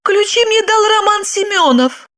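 A frightened young woman pleads in a high, bright voice, flustered and close to tears, as a woman narrator does her. She sounds like a storybook heroine caught off guard. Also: animated, unhurried, full character voice. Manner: breathless, pleading, tearful.

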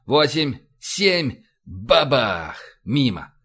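A man's voice: medium pitch, big pitch swings, very slow, slightly rough, exaggerated voice. A man reading an audiobook, voicing a hot-tempered older male starship admiral who barks orders. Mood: shouting, furious. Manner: barking, shouting orders. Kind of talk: audiobook character voice.

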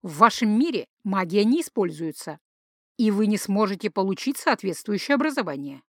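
A woman's voice: medium pitch, very animated, moderate pace, fairly bright tone, dry recording, studio quality. A woman voicing a polite, earnest man who recruits girls with magic, explaining patiently.

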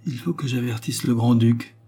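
A man's voice: medium pitch, steady tone, normal speed, mellow, voice pushed up, lightly acted. A man putting on a young grand duchess, anxious. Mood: earnest. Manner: raised voice, emotional pleading.

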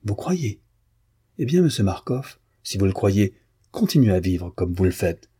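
Lecteur masculin jouant une jeune fille orgueilleuse et moqueuse, timbre sombre et voilé, ton dédaigneux. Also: male voice, fairly low pitch, sing-song, measured pace, mellow, breathy edge, heavily acted. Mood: scornful. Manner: cutting, disdainful. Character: proud young woman, scornful and calm.

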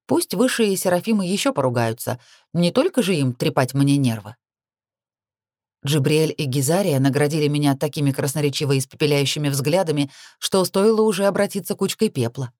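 A woman reads a fantasy novel aloud in the first person, wry and even. Her voice is low for a woman. The recording is close and dry, with no room sound. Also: brisk, dry recording. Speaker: audiobook reader.

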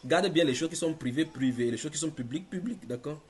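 A man leading a church teaching session, giving direct counsel and checking for agreement. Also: a little high. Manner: directive, quick, ends points with "d'accord?". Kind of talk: pastoral counsel.

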